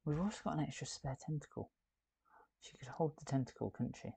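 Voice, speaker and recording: A man's voice: on the high side, animated, fairly quick, vocal fry, mellow, breathy edge, no room sound. A man hosting a live building stream, chatting and thinking aloud as he works. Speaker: host.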